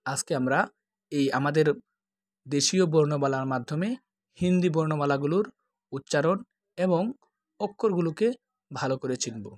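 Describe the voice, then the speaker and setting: A man's voice: on the high side, no echo. A man with a slightly raised voice teaches alphabet sounds in a patient tutorial, stretching each vowel so learners can follow. The recording is close and dry, with no room sound. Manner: patient, drawn-out letter sounds. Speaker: language teacher. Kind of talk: tutorial explanation.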